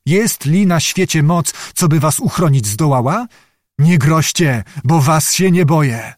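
A man's voice: fairly high pitch, animated, unhurried, a little mellow, no echo, clean studio sound. Man playing a stern proud noble officer. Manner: stern, commanding, unshaken.

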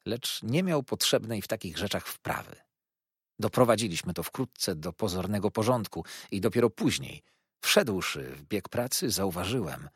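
A man narrating a classic novel in a measured, old-fashioned storytelling manner. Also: fairly low pitch, slightly rough, no room sound, studio quality. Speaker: audiobook narrator. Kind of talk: scripted literary narration.

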